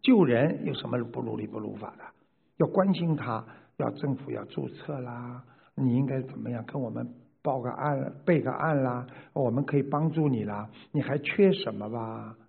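A man's voice: mid-range voice, moderate pace, gravelly, slightly rough. A man, a spiritual teacher, answering followers' questions in an emphatic lecturing way, with rhetorical questions and laughing asides, over a tinny line. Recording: tinny phone-like sound.

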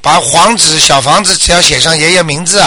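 A man hosting a radio call-in show, giving brisk, firm advice and often checking that the caller understood. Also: fairly high pitch, pushed and bright. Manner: keeps asking if the caller understood.

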